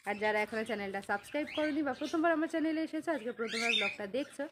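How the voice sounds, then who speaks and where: A Bengali-accented woman with a high voice talks cheerfully to her viewers in a casual vlog, sending them good wishes. Loud background noise runs under her voice throughout. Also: animated, very fast. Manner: chatty, affectionate greetings to viewers. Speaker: vlogger. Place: home and village market.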